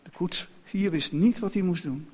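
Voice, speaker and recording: A man's voice: high voice, unhurried, husky. Man reading a children's story aloud. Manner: expressive, varied storytelling.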